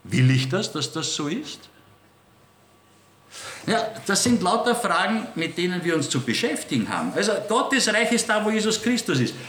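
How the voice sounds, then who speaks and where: A man preaching a sermon in a lively, dramatic way, acting out dialogue with God. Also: high voice, slight background noise. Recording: echoey room, faint ambience.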